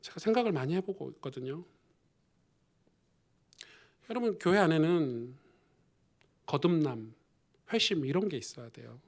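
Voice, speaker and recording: A man preaches a sermon in a fairly high voice, telling stories as if chatting with the congregation. He swings between forceful, loud emphasis and soft, almost whispered asides. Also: lively intonation, moderate pace, pauses often. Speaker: pastor.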